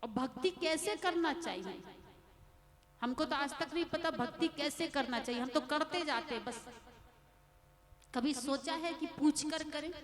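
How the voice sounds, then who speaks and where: A woman preacher delivers a religious discourse in a high voice and an unhurried rhythm. She tells stories and hammers points home through repetition. Her words ring through a large hall with an audible crowd behind her. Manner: storytelling, emphatic rhetorical repetition. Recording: long hall reverb with audience noise.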